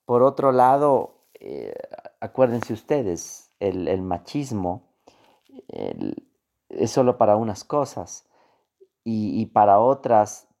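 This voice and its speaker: A man teaching a recorded course lesson, speaking deliberately, repeating his phrases and checking in with his listeners. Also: on the low side, dark tone. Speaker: instructor.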